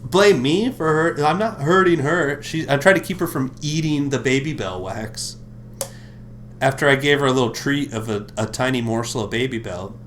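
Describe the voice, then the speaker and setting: A man hosting a livestream reads scripture aloud, breaking off between passages for mocking, profane comedic asides. His voice is medium-pitched, with slight background noise.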